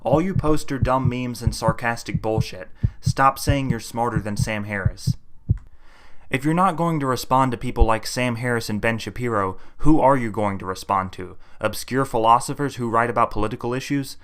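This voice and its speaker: A man's voice: medium pitch, moderate pace, fairly bright tone. A man reading a scripted political commentary in a scornful, combative tone, freely insulting his opponents. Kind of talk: scripted commentary video essay.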